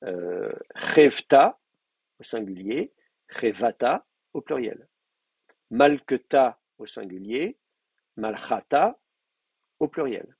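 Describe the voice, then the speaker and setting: A man lecturing a class, explaining grammar step by step and slowly repeating word forms, with many hesitations. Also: mid-range voice, lively intonation, darkish tone, breathy edge, no echo. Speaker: teacher. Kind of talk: university lecture.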